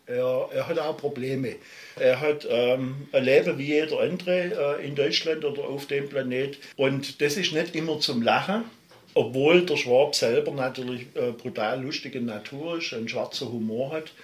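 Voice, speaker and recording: In a reverberant space, a middle-aged man with a Swabian accent, a musician guest from Baden-Württemberg, answers interview questions at a moderate pace. His medium-pitched voice carries long, passionate, emphatic replies that tend to digress.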